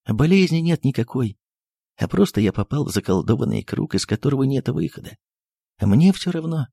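Man voicing a bitter aging doctor, shrill outbursts, husky, swooping pitch, storybook reading. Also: no room sound, studio quality. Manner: shouting shrilly in fits, then tired and resigned. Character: agitated aging male doctor, weary, bitter.

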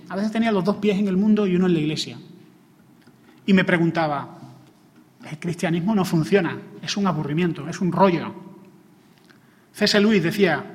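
A man preaching a sermon in a Spain Spanish accent, building from plain teaching to fervent, emphatic exclamations. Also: sits high. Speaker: pastor. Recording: long hall reverb.

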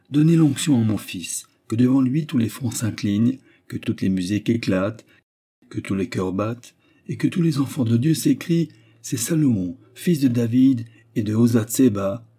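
A man doing a booming angry old king. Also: mellow, husky.

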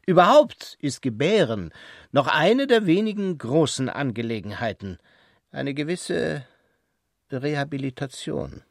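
Brief: self-styled prophet, solemn preacher of brotherhood; radio play; unhurried, dry close mic. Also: male voice, fairly high pitch, very animated, gravelly, no room sound, full character voice. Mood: preaching. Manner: slow, grave and preaching.

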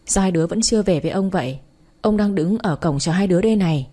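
An eager, impatient old grandfather from a spoken storybook, voiced by a woman. He fusses and asks questions. The voice is low and mellow. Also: quick pace, lightly acted.

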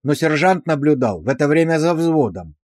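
A man narrating an audiobook in steady, measured scripted storytelling. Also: fairly high pitch, dry recording, studio quality.

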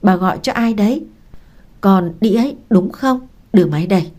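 A woman's voice: mid-range voice, expressive, normal speed, close to an everyday voice. Woman voicing a furious, threatening husband. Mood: angry. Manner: harsh, menacing, shouting. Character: violent threatening husband, young adult man.

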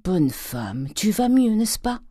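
A reader puts on a scheming old miser of seventy-six in this audiobook, a voice that coaxes and wheedles. It jumps up in pitch when gold comes into view. The sound is mellow and dark, recorded dry and close. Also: big pitch swings, slow, no room sound. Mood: cajoling. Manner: wheedling, with sudden gloating high outbursts over gold. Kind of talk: audiobook character voice.

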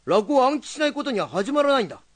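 A gruff young rakugo teller. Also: male voice, very high voice, sing-song, dry recording, exaggerated voice. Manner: gruff, rough-tongued and quick to scold. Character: hot-headed young male rakugo teller, blunt. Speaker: rakugo storyteller teaching students. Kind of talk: film drama acting.

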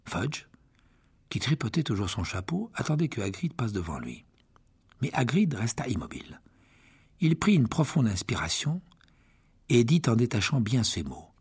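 Husky, expressive male narrator. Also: medium pitch, moderate pace, long pauses. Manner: expressive, lively reading. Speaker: audiobook narrator. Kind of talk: audiobook narration.

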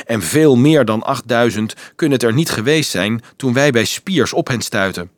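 A man's voice: medium pitch, moderate pace, no echo, studio quality, close to an everyday voice. A man voicing a mocking, worldly young male student in an audiobook. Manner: mocking, animated.

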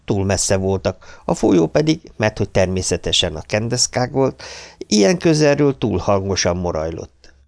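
A man reading an audiobook in an expressive, dramatic storytelling manner. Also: fairly low pitch, vocal fry. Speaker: audiobook narrator. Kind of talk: scripted narration.

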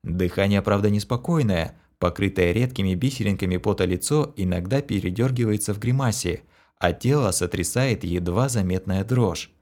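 A man narrating an audiobook in a steady, even reading voice. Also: fairly low pitch, moderate pace.

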